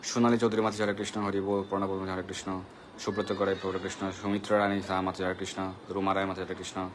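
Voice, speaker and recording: A man's voice: low voice, flat delivery, fast, background noise. A man hosting a live devotional question-and-answer session, patiently explaining and greeting viewers by name. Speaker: devotional Q&A host.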